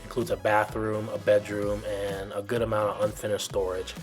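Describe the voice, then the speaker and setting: A man with a fairly low voice narrates a walkthrough video as a builder's guide. His delivery is fairly even, plain and instructive, with informal phrasing. Music plays clearly behind him. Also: normal speed. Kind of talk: explanatory video tour narration.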